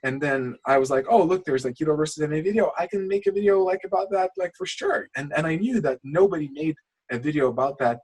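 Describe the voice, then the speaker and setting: The recording is low quality, and the man's voice is a little high, darkish and slightly rough as he talks fast. He's a Lithuanian channel coach, not a native English speaker, giving a rambling, passionate screen-share coaching call with many restarts.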